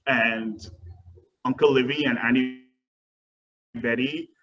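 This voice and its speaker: Speaking slowly at a medium pitch with fairly even intonation, this young Barbadian man has a fairly bright tone. He's a guest dance teacher fielding webinar questions earnestly, saying um often, over dull, distant video-call sound with a little background noise.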